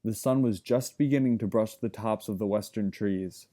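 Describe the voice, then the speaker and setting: Male audiobook narrator, lowish warm voice, steady and unhurried. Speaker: audiobook reader. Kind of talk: scripted narration.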